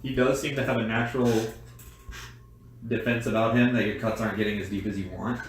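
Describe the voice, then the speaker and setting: A man's voice: medium pitch, steady tone, a little fast, roomy sound, slight background noise, poor audio. A man running a tabletop game as game master, casual and joking, with an occasional swear.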